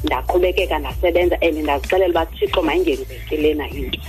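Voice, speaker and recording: A woman's voice: low-pitched, fast, a little mellow, soft background music. South African woman telling her own story. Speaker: caller sharing personal story. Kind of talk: personal storytelling.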